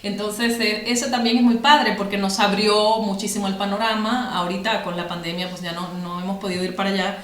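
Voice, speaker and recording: A Cuban woman with a Cuban Spanish accent guests on a podcast, speaking reflectively in a conversational interview full of fillers and restarts. Her mid-range voice keeps a fairly even intonation, moves a little fast with few pauses, and sounds roomy.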